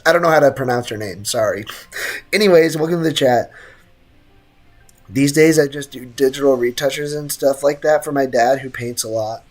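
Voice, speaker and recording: A woman game streamer gives casual, slangy live gameplay commentary, teasing and reacting as she plays. Her voice is low-pitched with a darkish tone, and her throat sounds slightly sick.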